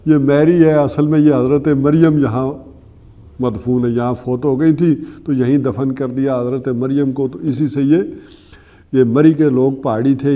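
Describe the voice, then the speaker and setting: Mellow-voiced man teaching scripture. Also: mid-range voice, muffled recording. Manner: explanatory, slows for Arabic verses, asks rhetorical questions. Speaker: Quran teacher. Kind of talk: Urdu religious lecture with Arabic recitation.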